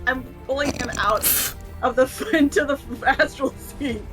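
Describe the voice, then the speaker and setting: A woman's voice: high-pitched, unhurried, a bit bright, rough recording. A woman playing a tabletop role-playing game, describing her character's moves hesitantly with many uhs, with faint music behind. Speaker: player.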